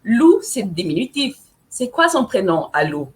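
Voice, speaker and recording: Here the same playful Portuguese-speaking woman, an author guest from a Portuguese-speaking country, chats casually and live in a slightly high, sing-song voice. She takes her time, teasing others and mocking herself along the way.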